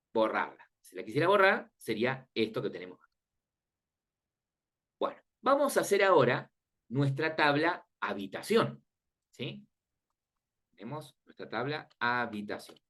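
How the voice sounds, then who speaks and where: A man's voice: on the high side, very animated, measured pace, pauses often, a bit bright. A man teaching a class, explaining step by step and often checking that the students follow, in an informal, friendly manner. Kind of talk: classroom lecture on databases.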